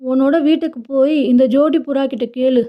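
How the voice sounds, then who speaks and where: A woman's voice: high voice, steady tone, moderate pace, close to an everyday voice. A woman voicing a shy young man in love. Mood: tender. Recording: dull lo-fi recording.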